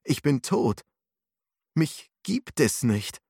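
A man's voice: mid-range voice, lively intonation, a little slow, vocal fry, a little mellow, breathy edge, no room sound, studio quality, pitched above the performer's own voice, exaggerated voice. A man voicing a frightened, confused young man who asks anxious, searching questions, in an audiobook. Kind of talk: audiobook narration.

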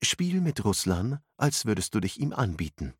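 A composed female mentor in a storybook, giving firm and encouraging instructions, as a male reader puts her on. The voice sits low with wide, expressive intonation. The sound is close and dry. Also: normal speed, breathy edge, no room sound. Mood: instructive. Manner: instructive, commanding.

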